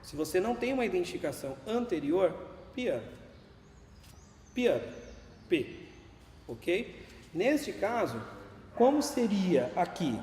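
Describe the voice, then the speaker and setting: High-voiced man teaching music in echoey room. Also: sing-song, takes it slowly, pauses often, a little mellow. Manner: explains patiently, counts beats and sings note names aloud. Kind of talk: classroom music lesson. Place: classroom. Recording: echoey classroom with long reverb, faint room noise.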